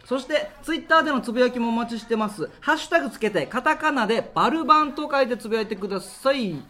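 A man hosts a local radio show, telling stories in a relaxed monologue. His pitch swings widely as he acts out voices and sound effects, and faint music plays under his voice. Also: fast talker. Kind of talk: casual storytelling monologue.

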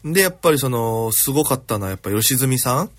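Man, comedy podcast host, solo home recording, husky and quick, lively pitch, loose rambling delivery. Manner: rambling with many fillers. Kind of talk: solo storytelling chat.

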